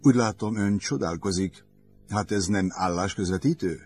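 Man doing a suave, mock-formal gentleman. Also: deep voice, husky, soft background music. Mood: unflappable. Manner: courtly, mock-formal, unflappable. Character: suave, overly polite young gentleman with a monocle.

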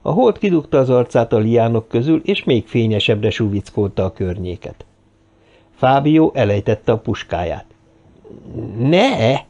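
A man reading an adventure novel aloud as narrator, in a steady, measured storytelling manner. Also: medium pitch, lo-fi sound. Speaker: audiobook narrator. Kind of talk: scripted narration.

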